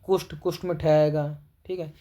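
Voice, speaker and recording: A young man teaching a Hindi spelling lesson for exam students, spelling each word syllable by syllable and repeating a quick "okay" after every answer. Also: on the high side, level tone, mellow. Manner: spells words syllable by syllable, repeats "ठीक है", calls students "भाई".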